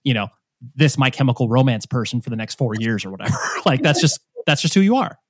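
An American podcast host talks in an animated way at a quick pace, his voice mid-range. During a casual interview chat he speaks in long, rambling turns packed with restarts and fillers.

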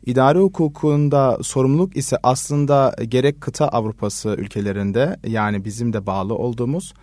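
A male legal scholar, a law research assistant appearing as a guest expert, gives explanatory answers in a radio interview. His voice is mid-pitched and warm, and his pace is unhurried and measured, with frequent hesitation fillers that often stop him mid-sentence. The audio is dry and close, with no echo.

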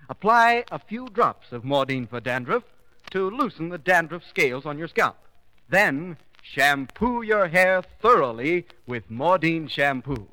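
A male announcer on an old 1940s radio broadcast, his voice high and sharply bright. He gives a formal, emphatic sales pitch, and a long hall-like reverb hangs around every phrase. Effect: old 1940s radio broadcast recording.

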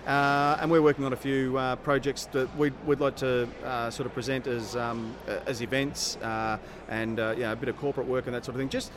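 An Australian man with a mid-pitched voice chats as a podcast co-host. He is hesitant, wry and self-deprecating. The low-quality recording carries clear noise from the venue. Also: steady tone, a little fast, hardly any pauses. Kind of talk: casual chat. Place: above the floor of a festival hall. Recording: low-quality, noisy on-location event recording.

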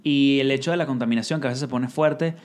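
A man with a Venezuelan accent, a singer guest on a podcast, telling a story in animated casual chat full of swearing. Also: mid-range voice, quick pace.

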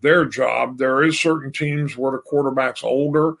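A man's voice: medium pitch, fairly even intonation, normal speed, creaky, fairly bright tone. An older man, the host's father, talking sports casually and rambling with many fillers and restarts. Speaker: podcast guest.

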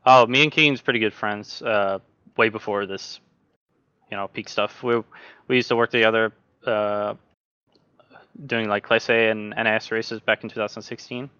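A man's voice: fairly low pitch, clear, resonant tone, no echo, muffled recording. A young man from Norway, a sim racing driver, talking casually as a podcast guest with lots of fillers and restarts. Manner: relaxed, halting, many fillers and restarts.

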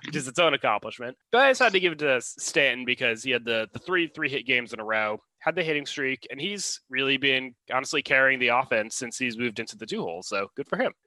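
A man runs a casual sports podcast in a dry, matter-of-fact way. His voice is bright and forward, and it sounds close and dry, with no room echo. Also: mid-range voice, lively intonation, quick pace, few pauses. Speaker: podcast co-host.

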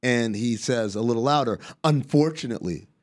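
A man guesting on a sports podcast, talking at a middle pitch. He tells his story in an animated way, acting out what each person said and swearing freely. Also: brisk. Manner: animated anecdote-telling, acting out quoted dialogue, casual swearing. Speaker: podcast guest, basketball analyst. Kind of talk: casual storytelling chat.

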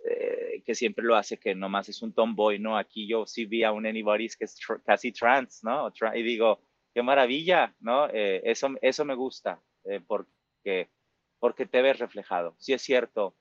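A man's voice: fairly low pitch, normal speed, dry recording, lo-fi sound. A Mexican man in his forties with a Mexican Spanish accent, a musical theater performer talking reflectively in an interview, full of fillers and tag questions. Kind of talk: casual interview talk.

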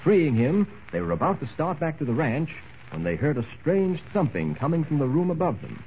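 Lively old radio show narrator, tinny sound. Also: male voice, on the high side, fairly quick, slight background noise. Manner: dramatic storytelling narration. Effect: old radio show broadcast recording. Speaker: story narrator. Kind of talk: 1940s radio drama narration.

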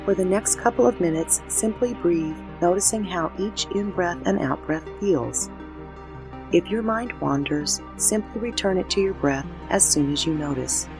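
A woman guiding a meditation as host, speaking in measured, instructional phrases. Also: on the low side, expressive, music in the background. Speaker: meditation guide and show host. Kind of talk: guided meditation, scripted narration.

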